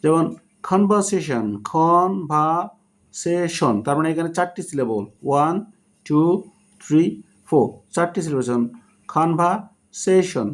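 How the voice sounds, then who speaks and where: A man giving a spoken English lesson, explaining slowly and breaking words into syllables. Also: a little high, a little mellow. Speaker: English teacher.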